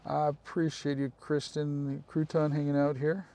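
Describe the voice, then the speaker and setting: A man's voice: fairly high pitch, flat delivery, unhurried, mellow. A man hosting a casual live stream, chatting with viewers, calling them by name and making apologetic asides.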